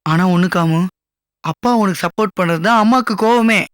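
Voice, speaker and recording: An actor playing a young husband in a TV serial, gently reassuring his wife. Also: high voice, brisk, smooth, no room sound, studio quality. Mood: consoling. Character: young husband, calm and consoling. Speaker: husband of Kamu. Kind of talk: Tamil TV serial acting.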